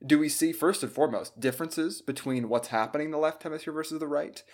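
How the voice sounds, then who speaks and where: A man's voice: on the high side, fast talker, darkish tone. A man interviewing a guest, asking thoughtful, layered questions in a casual way.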